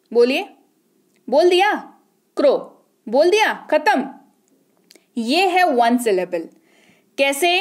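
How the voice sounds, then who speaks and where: A woman, an English teacher giving an online spelling lesson, coaxing and asking the viewer questions, repeating words slowly. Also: high-pitched.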